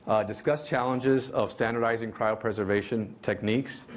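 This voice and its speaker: A man opening a conference lecture in a quick, friendly way, with small stumbles. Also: on the low side, fairly even intonation. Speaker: conference speaker. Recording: dull lo-fi sound, faint noise.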